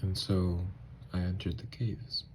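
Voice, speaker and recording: A low-pitched man voices a newly turned vampire lover, gentle and haunted, for an ASMR audio drama, his tone level and his phrases hushed, halting, and hesitant. The mood is wistful and awed, and a slight hiss or hum sits in the audio.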